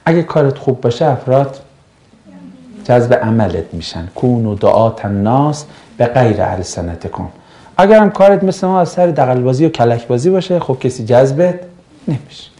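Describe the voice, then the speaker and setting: A man from Mashhad working as a religious teacher, answering viewer questions in a casual live chat, animated and sarcastic. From Mashhad, Iran. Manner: animated and sarcastic, pitch jumping up and down.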